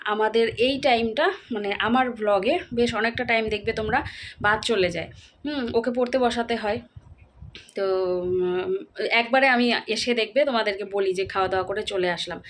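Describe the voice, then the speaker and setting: A woman, chatting quickly and casually to her viewers while vlogging at home. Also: a little high, a little hiss or hum. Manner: rapid chatty talk with fillers. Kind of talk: casual vlog chat to viewers.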